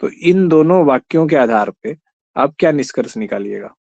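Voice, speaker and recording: Expressive and creaky, this man's medium-pitched, darkish voice moves at normal speed as he runs an online exam-prep class. He walks through material step by step, quizzes his students, drops in English terms and says "theek hai" a lot, on a slightly dull lo-fi recording with no room sound.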